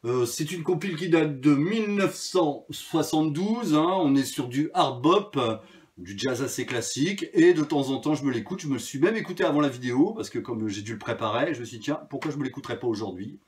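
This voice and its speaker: A man's voice: fairly high pitch, lively intonation, brisk. A man presenting his vinyl records in a casual video, talking freely with many hesitations and fillers. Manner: chatty, hesitant with frequent fillers.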